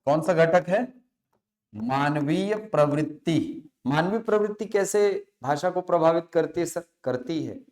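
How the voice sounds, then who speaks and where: A man teaching a classroom lecture. He asks questions, answers them himself, and repeats key words slowly to stress them. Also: on the high side, expressive, darkish tone.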